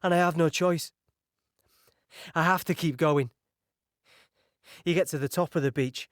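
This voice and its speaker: An actor playing a young British signaller recounting a beach landing in an audio drama, halting and shaken. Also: male voice, fairly high pitch, dry recording, studio quality, natural voice. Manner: halting, shaken, recalling horror in present tense.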